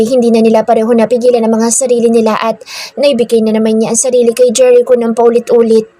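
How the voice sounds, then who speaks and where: A woman reading a romance story aloud in an even, steady narration. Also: fairly high pitch, no room sound.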